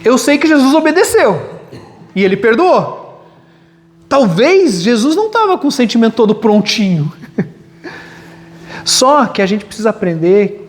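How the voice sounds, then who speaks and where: High-voiced pastor preaching in a hall. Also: male voice. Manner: lively preaching with humor and acted-out quotes. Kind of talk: sermon at a church retreat. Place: large hall at a retreat. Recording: long hall reverb.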